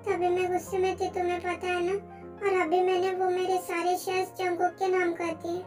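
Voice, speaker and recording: A woman's voice: very high voice, completely flat delivery, a little fast, a little mellow, soft background music. A woman voicing an emotional, remorseful young woman in an amateur fan dub, speaking in a pleading way. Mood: earnest.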